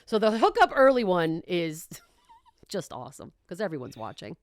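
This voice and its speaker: A woman's voice: fairly low pitch, very animated, moderate pace, dry recording. A female podcast host in casual conversation. She is wry and pokes fun at herself, recorded dry with no room sound. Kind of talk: casual chat.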